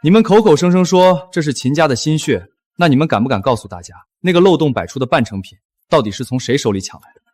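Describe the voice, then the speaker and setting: A cold young tycoon in a web drama, quick mocking lines, pitch swings all over. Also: male voice, lively intonation, darkish tone, soft background music. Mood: scornful. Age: young adult. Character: cold, cutting young businessman taking revenge. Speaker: wronged son turned tycoon. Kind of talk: short web drama acting.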